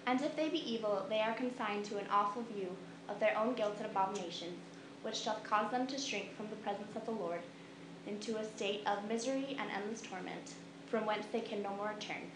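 A woman's voice: medium pitch, fairly quick. A woman giving a recitation of scripture. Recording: echoey room with loud background noise.

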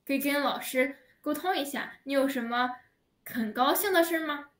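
A woman teaching an online language lesson over a video call, speaking slowly and patiently, drawing out words for her learners. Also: high-pitched, a bit bright. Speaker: Chinese teacher. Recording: echoey room, heard from a distance.

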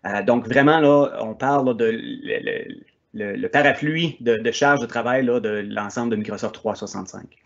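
A man's voice: mid-range voice, normal speed, vocal fry, a bit bright, muffled recording. Québécois man giving a tech talk. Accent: Québécois French. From Quebec, Canada. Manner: hesitant, frequent fillers and restarts. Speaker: conference speaker. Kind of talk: technical conference presentation.

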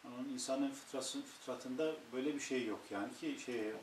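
A man's voice: mid-range voice, normal speed. A man with a Turkish accent in a study circle, asking hesitant questions. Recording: distant echoey room, faint hiss.

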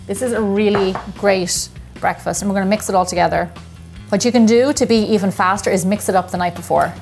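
An Irish woman hosting a casual home cooking vlog, chatting upbeat as she explains each step in her kitchen. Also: medium pitch. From Ireland. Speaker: baking show host.

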